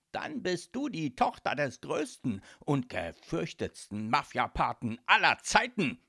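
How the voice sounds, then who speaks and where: A man voicing a loud, hot-tempered mafia boss father who blusters and bellows in a storybook reading. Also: medium pitch, gravelly, breathy edge, no echo, clean studio sound, full character voice.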